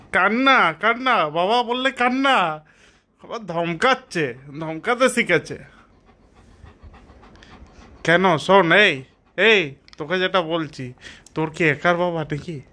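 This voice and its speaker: A man's voice: high-pitched, sharp tone. A man vlogging about his pet, talking to his dog in a teasing, playful scolding way. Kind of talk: casual talk to a pet dog.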